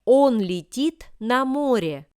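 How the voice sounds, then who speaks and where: A Russian-speaking woman reads scripted example sentences for learners, slowly and deliberately, forming every word with care. Her voice is a little high, animated, crisp and smooth, with a darkish tone. The recording is dry, with no room sound or echo.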